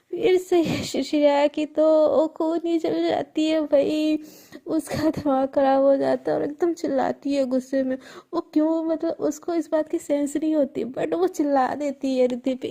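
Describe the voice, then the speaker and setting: Chatty high-voiced woman telling a story. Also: mellow. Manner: chatty, conversational asides. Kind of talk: casual spoken story narration.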